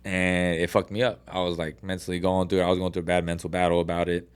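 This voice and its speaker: A man's voice: deep voice, little pitch movement, fast talker, clean tone. A young man, a boxer, talking casually in a podcast interview, swearing often and acting out quotes. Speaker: boxer guest.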